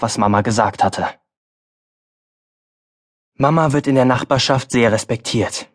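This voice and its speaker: Calm male audiobook narrator. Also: mid-range voice. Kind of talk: scripted first-person narration.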